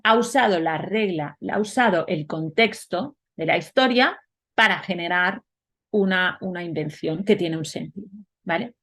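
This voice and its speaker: A woman's voice: fairly low pitch, moderate pace, fairly bright tone. Woman lecturing in a webinar. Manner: explanatory, frequent rhetorical questions and "¿vale?" checks. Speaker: teacher.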